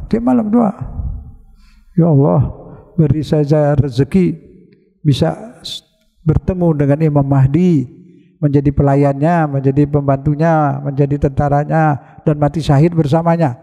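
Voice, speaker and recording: A man's voice: sits high, gravelly, mellow, big-room sound. An older man preaching, talking colloquially and asking the congregation questions. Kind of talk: mosque sermon. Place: mosque.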